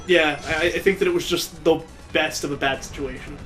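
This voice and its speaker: The gaming host, a man, speaks fairly quickly in a slightly high voice with fairly even intonation. He plays through a let's play, making casual, sarcastic, wry jokes over video game music.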